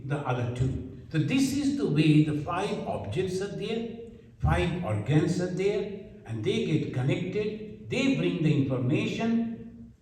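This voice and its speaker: A man with a Bengali accent teaching scripture, explaining slowly and repeating his phrases. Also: on the high side, darkish tone. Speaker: spiritual teacher. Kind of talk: scripture lecture. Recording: echoey hall from far off.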